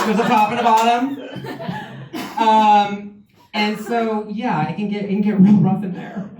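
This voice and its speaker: A man's voice: high voice, fairly even intonation, a little slow. A man doing a stand-up comedy set at a benefit show, making self-deprecating, confessional jokes, secretly recorded from the audience. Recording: distant echoey bootleg with loud noise.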